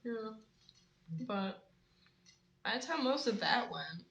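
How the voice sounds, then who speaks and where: A teenage girl co-hosting a casual chat, talkative and teasing with deadpan asides. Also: a little high, slow, vocal fry, reverberant, low-quality recording. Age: teens. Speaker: podcast co-host.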